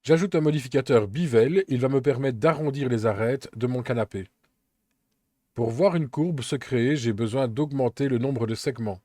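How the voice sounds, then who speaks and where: A man calmly narrating a step-by-step software tutorial, explaining each action as he works, with an occasional filler. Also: mid-range voice, normal speed, dry recording, studio quality. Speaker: Blender tutorial instructor.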